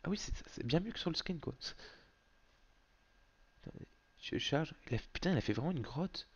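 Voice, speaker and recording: A man hosting a gaming video, giving casual, excitable commentary and swearing often. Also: a little high, normal speed, husky, dull audio.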